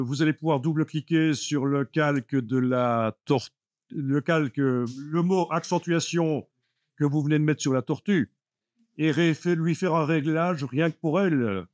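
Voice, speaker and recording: A man's voice: fairly high pitch, a little slow, a little mellow, no room sound, studio quality. A man teaching a live Photoshop class, explaining steps patiently with many fillers like "euh" and "voilà". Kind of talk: live classroom software lesson.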